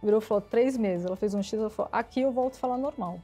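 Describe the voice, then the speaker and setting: Lively woman telling stories. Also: mid-range voice, rapid-fire, husky, faint music behind. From São Paulo, Brazil. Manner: lively storyteller acting out quoted dialogue. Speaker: interview guest, IT executive. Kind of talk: casual storytelling interview.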